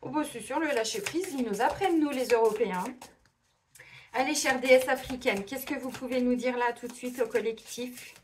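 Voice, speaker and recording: A chatty middle-aged woman giving a spiritual card reading straight to her viewers. Her voice sits a little high. She talks casually and slips into playful mini-scenes with other voices. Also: moderate pace, slight background noise. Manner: chatty, animated, acts out little imagined dialogues. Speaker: tarot and oracle card reader.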